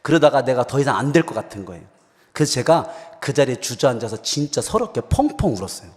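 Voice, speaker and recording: A man's voice: mid-range voice, quick pace. A man preaching a sermon in a church sanctuary, telling a personal story to the congregation. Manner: animated storytelling, addresses congregation. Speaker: pastor. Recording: long hall reverb.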